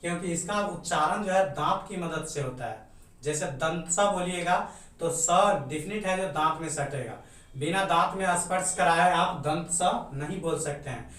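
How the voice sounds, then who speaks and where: A man's voice: on the high side, normal speed, a bit bright. A man teaching a grammar lesson, explaining step by step and answering his own questions. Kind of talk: grammar lecture. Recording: very echoey room, mic far off.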